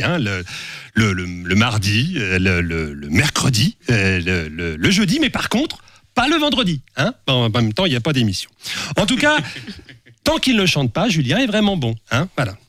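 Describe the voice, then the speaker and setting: A man's voice: mid-range voice, fairly bright tone, dry recording. A man giving a satirical, teasing editorial on a radio show in a studio. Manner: teasing, mocking. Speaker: radio columnist. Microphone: studio microphone.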